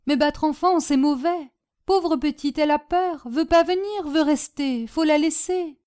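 A woman doing a gentle, broken-speaking manservant. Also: high voice, pitched above the performer's own voice. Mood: gentle pleading. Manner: slow, simple, pleading phrasing.

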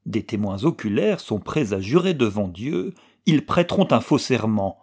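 A man's voice: very animated, moderate pace, warm tone, husky, heavily acted. A man voicing a proud, fierce young woman with commanding outbursts in an audiobook reading. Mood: indignant. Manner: high-strung, commanding outbursts.

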